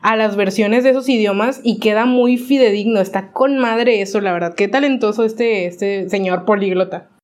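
A woman adds short comments to a relaxed conversation about a film. She speaks in brief interjections at an ordinary mid pitch. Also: normal speed, hardly any pauses. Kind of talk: casual film discussion.

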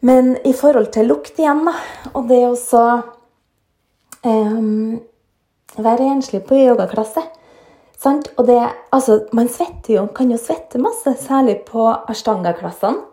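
A woman's voice: on the high side, dark tone. A woman yoga teacher telling personal stories in a casual, frank monologue, often checking in with little tag questions. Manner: chatty, frank, often tags lines with "sant?". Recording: roomy echo.

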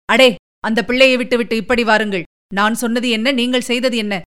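A woman reading the part of a stern older male fort commander, speaking with command and a slightly lowered voice. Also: steady tone, a little fast, fairly bright tone, clean tone, lightly acted.

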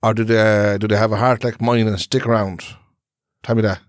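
A man's voice: lowish voice, flat delivery, normal speed, no echo, studio quality. A man with an Irish Traveller accent chatting on a podcast, teasing and challenging his co-host with pointed questions. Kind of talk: casual bantering podcast chat.

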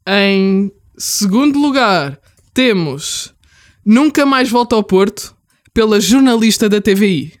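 A woman with a European Portuguese accent formally announcing awards in a scripted, drawn-out way with pauses. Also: medium pitch, lively intonation, no room sound, clean studio sound. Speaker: awards presenter.

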